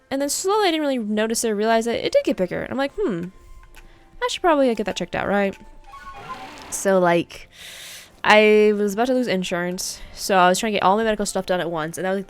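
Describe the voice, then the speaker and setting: A woman's voice: medium pitch, fast talker, smooth, soft background music. Rambling, foul-mouthed female gamer. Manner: rambling, swears freely, blunt. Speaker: let's play streamer. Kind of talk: casual gameplay chat.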